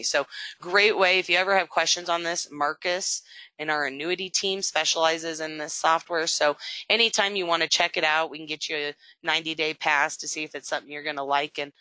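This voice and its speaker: An insurance agency support representative giving a conversational, upbeat training webinar, often pausing with "um". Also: mid-range voice, sharp tone, no echo. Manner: conversational, frequent "um" fillers; upbeat promotional tone.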